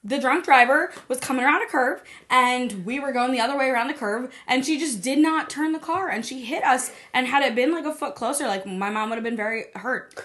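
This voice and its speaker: Woman, high voice, earnest, plain storyteller. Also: a little fast, few pauses, a bit bright. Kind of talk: casual chat.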